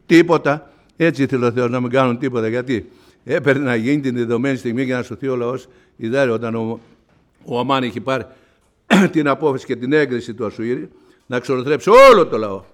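A man preaching a sermon, retelling a Bible story with animated storytelling and acting out the characters' lines in raised voices. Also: medium pitch.

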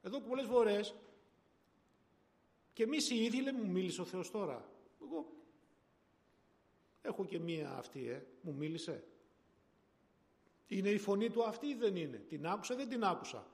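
A man's voice: sits high, big pitch swings, pauses often, a little mellow. A man preaching a sermon in a conversational way that grows emphatic, in a church hall. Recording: long hall reverb.

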